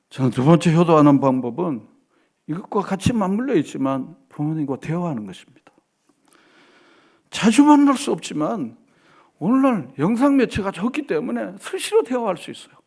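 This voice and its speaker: A middle-aged male pastor preaching a Sunday sermon in a church, swinging from animated delivery to soft asides and acted quotes. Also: sits high, creaky, breathy edge. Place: church sanctuary.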